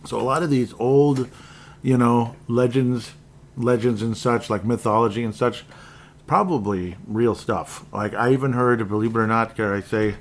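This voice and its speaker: A man's voice: mid-range voice, steady tone, normal speed, a little hiss or hum. A man hosting a channel, chatting casually in a rambling way after a clip. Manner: rambling, with fillers and restarts. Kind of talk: casual chat.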